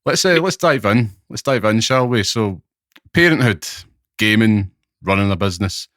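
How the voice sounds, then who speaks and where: A man's voice: on the low side, animated, normal speed, fairly bright tone, no room sound, studio quality. A man with a thick Glaswegian accent, hosting and interviewing on a podcast. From Glasgow, Scotland. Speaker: podcast host.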